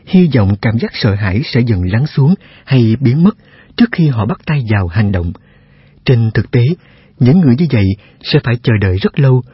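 A man reads a self-help text aloud, his voice very husky and breathy, steady and measured, putting rhetorical questions to the listener. The sound is dry and close, and a little dull and lo-fi. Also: on the low side, no echo. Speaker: narrator. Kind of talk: scripted self-help narration.

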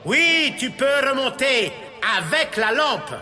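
A man's voice: very high voice, sing-song, takes it slowly, sharp tone, soft background music, exaggerated voice. An actor playing a wicked male magician who commands and curses in a fury. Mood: commanding. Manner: menacing, bellows curses.

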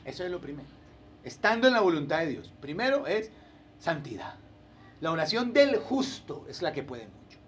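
A man's voice: on the high side, moderate pace. A male pastor, preaching a sermon and acting out churchgoers in playful voices. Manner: animated, acts out churchgoers in funny voices.

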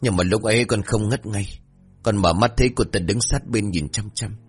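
A man's voice: lowish voice, moderate pace, husky, faint music behind. A man voicing a terrified young son, injured and haunted, telling his parents what he saw in a trembling, pleading voice.

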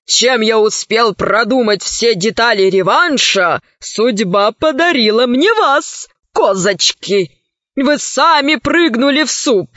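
A scarred, pompous space-villain admiral, as a woman reader puts him on, drawling his grandiose threats very slowly and with mock courtesy. The storybook recording is dry and dull, like a lo-fi tape. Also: fairly high pitch, a bit bright, no room sound.

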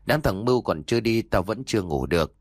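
A sharp-tongued old widow, put on by a male narrator, curt and scolding. Her voice sits low but moves a lot. The recording is dry. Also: lively intonation, quick pace, dry recording.

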